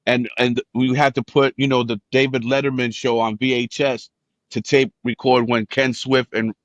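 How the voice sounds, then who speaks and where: A man in his fifties from Cuba tells a relaxed, animated story as a podcast guest, now and then slipping into higher voices to act out the people he quotes. His voice sits at an ordinary middle pitch, recorded close and dry. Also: moderate pace, dry recording, highs cut off. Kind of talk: casual storytelling interview.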